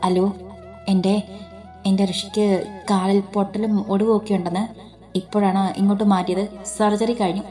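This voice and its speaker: A woman voicing a frightened, tearful young woman in a spoken story, halting and pleading. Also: mid-range voice, little pitch movement, warm tone, soft background music, close to an everyday voice.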